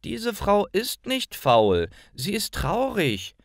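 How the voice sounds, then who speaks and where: A man doing a curious, high little girl. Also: wildly swooping pitch, slow pace, dry recording, studio quality, exaggerated voice. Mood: pleading. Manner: earnest, pleading questions.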